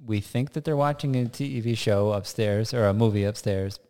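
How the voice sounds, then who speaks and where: Speaking at normal speed, this American podcast co-host has a fairly low, warm and smooth voice. The show is loose and off-the-cuff, recorded indoors in an unfurnished house.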